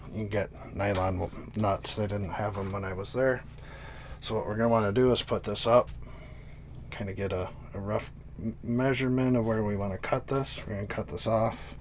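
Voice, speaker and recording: A man doing casual hands-on DIY narration inside a small trailer, thinking aloud informally as he works. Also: fairly low pitch. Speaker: DIY vlogger. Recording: noisy, vehicle-like hum behind voice.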